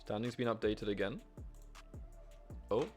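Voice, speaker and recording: A young man streaming himself playing a board game online, talking to himself with excitable, swearing commentary. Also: fairly low pitch, unhurried, soft background music. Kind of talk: live gameplay commentary.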